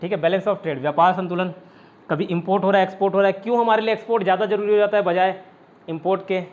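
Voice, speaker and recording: A man with a fairly high voice leads an online exam-prep class. He explains step by step and answers his own questions as he goes. The sound is dull and lo-fi. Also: steady tone, quick pace, darkish tone. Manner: often adds "ठीक है" to check understanding. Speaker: teacher.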